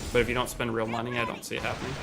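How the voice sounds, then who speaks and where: A man streams a game from home, his voice gravelly at an average pitch. He rambles through viewers' questions in a relaxed, slangy way. Game music plays clearly behind him. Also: very fast. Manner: reads and answers chat questions offhandedly. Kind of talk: casual livestream chat.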